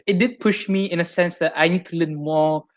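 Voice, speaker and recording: A man's voice: fairly high pitch, steady tone, a little fast. A young man with a Malaysian accent chatting casually as a podcast co-host, often repeating his phrases. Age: young adult. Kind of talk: casual chat. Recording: slightly dull lo-fi audio.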